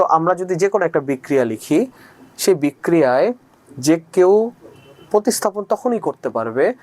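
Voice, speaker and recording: A man's voice: a little high, a little mellow. A man teaching a chemistry class on video. He chants a memory rhyme, asks questions and answers them himself, and keeps checking "okay?". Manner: casual, mixes in English words and keeps asking "ঠিক আছে?". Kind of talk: recorded video lecture.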